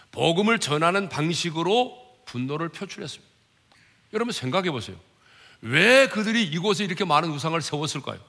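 A male pastor preaches a sermon, dropping into hushed, low asides before rising loud and high as he acts out mockers and urges on the congregation. The sound carries a long reverb tail.

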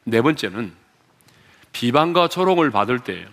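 A male pastor preaching a sermon, putting questions to the congregation, leading them in reading aloud, and swinging between loud and low for emphasis. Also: sing-song, moderate pace, long reverb tail. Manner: wide swings in pitch and loudness, drops low for emphasis. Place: church sanctuary.

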